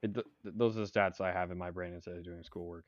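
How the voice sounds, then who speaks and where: A man's voice: deep voice, steady tone, fast talker, no echo. A young man co-hosting a casual sports podcast, rambling with stuttering restarts and strong opinions. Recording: dry, dull lo-fi sound.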